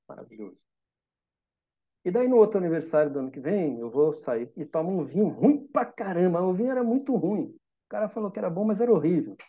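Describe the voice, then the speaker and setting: A man with a Brazilian Portuguese accent gives a calm, reflective meditation talk, teaching through simple examples and questions for his listeners. His voice is mid-range, and the sound is phone-quality.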